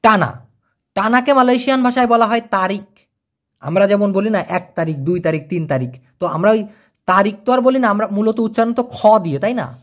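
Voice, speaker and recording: A language teacher, explaining vocabulary over pictures and checking understanding with quick questions. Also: mid-range voice. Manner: repeats each word and checks with quick questions.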